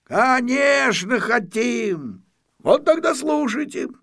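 Male reader as eager cartoonish dog, pitched high, shouts his rhymes. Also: slow pace, gravelly, heavily acted. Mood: excited. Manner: loud and excited.

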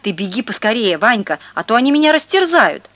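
A woman's voice: medium pitch, animated, brisk, a bit bright, no echo, natural voice. A woman reading a children's story aloud, voicing a little boy protesting his innocence. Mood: indignant. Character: little boy narrator, pleading and indignant.

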